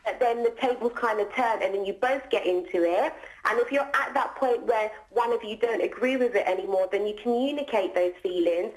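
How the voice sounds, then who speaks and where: A woman's voice: a little high, a little fast, few pauses, low-quality recording. A woman calling in to a radio phone-in, explaining her point earnestly and arguing back. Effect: caller on a radio phone-in. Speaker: radio show phone-in caller.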